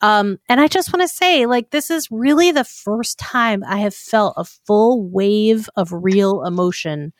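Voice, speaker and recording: A woman giving a chatty, animated critique as a judge on a podcast contest. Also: mid-range voice, a little slow, few pauses, no room sound, studio quality. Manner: chatty, animated, with many fillers. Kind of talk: casual critique.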